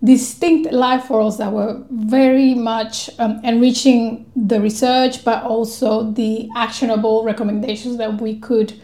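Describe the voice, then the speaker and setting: Woman from Colombia, Spanish native speaker, podcast guest, fairly high voice, measured and thoughtful. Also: little pitch movement, dark tone, roomy sound. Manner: thoughtful, measured, frequent ums. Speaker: guest researcher. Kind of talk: podcast interview.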